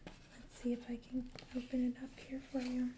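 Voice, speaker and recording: Whispered role-play, soft female librarian. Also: high-pitched, monotone, moderate pace, slight background noise. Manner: gentle, hesitant, conversational. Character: friendly, chatty female librarian recommending books. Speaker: ASMR role-player as librarian.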